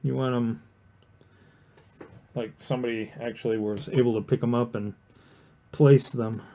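A warm, medium-pitched male voice with fairly even intonation and normal speed guides viewers through watercolor painting on a laid-back livestream. Filmed from above at his indoor studio desk, he chats plainly and encouragingly, restarting and using fillers often.

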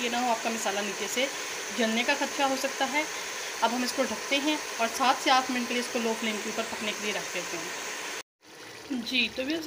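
A woman hosting a cooking channel, calmly explaining a recipe step by step in voice-over narration. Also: high voice. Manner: calm step-by-step instruction. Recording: noisy kitchen, sizzling pot.

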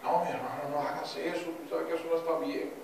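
A man voicing a gentle young princess who speaks softly, in an echoey chapel heard from far off. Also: mid-range voice, little pitch movement, fast talker, a little hiss or hum, voice pushed down, close to an everyday voice.

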